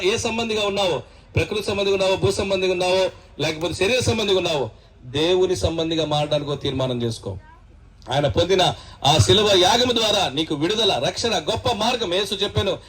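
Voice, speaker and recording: A man preaching a gospel sermon at a funeral in church, asking rhetorical questions and rising to shouts. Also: sits high, poor audio.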